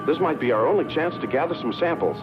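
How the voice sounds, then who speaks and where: An actor playing an awestruck, eager scientist explorer in a dubbed 1960s science-fiction film. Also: male voice, a little high, expressive, fast, natural voice. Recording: dull old film soundtrack with loud music.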